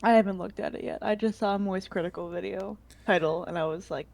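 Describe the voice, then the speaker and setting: A woman's voice: medium pitch, fast, gravelly, a little mellow. A woman co-hosting a podcast, chatting casually and laughing easily. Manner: laughs often, easygoing. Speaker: podcast co-host reviewing a TV show. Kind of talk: casual chat.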